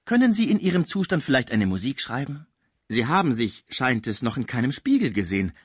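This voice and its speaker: A man's voice: medium pitch, very animated, a little fast, husky, dry recording, clean studio sound. A man reading an audiobook, voicing a shrewd, pushy working-class caretaker woman who talks in a nonstop, scolding torrent. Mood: chattering. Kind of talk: audiobook character voice.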